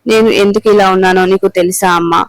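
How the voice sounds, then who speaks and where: A man reading the lines of a remorseful middle-aged husband begging his wife to listen, in a flat, clear voice. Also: sits high, fast talker, no room sound, low-quality recording. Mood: pleading. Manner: pleading.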